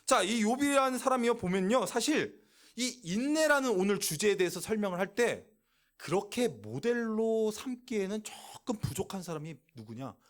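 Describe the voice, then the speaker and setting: A man's voice: high-pitched, normal speed. A man preaching a sermon at a church youth service, asking the young listeners questions and answering them himself. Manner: animated, asks the audience questions and answers them. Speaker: youth pastor. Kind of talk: sermon to teenagers. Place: church youth service, also streamed online.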